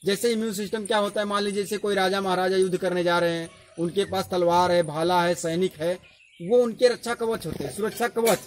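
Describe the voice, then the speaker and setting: A man's voice: high-pitched, fairly even intonation, fairly quick, a little hiss or hum. A man giving a patient educational explainer, repeating key terms as he teaches outdoors. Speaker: educational presenter.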